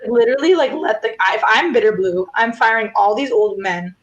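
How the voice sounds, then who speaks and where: A woman's voice: a little high, normal speed, highs cut off. A woman on a book discussion video call, talking frankly and animatedly and acting out what other people might say. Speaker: book club panelist.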